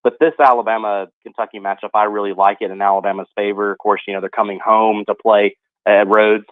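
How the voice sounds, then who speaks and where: Man, sports radio guest: quick, filler-heavy delivery, slightly low voice, dry tinny phone-line sound. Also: level tone, dry recording. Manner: fast, filler-heavy analysis with many "you know" and "um". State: coughing from allergies. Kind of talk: casual sports radio talk.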